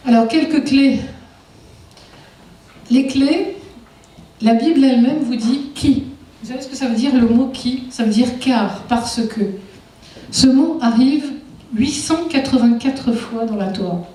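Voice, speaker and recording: A woman delivers a public lecture, her mellow, fairly high voice drawing the audience in with constant questions. She sounds distant from the microphone in a very echoey hall. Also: a little slow, long pauses. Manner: engaging, asks the audience frequent rhetorical questions. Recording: echoey hall, far from mic.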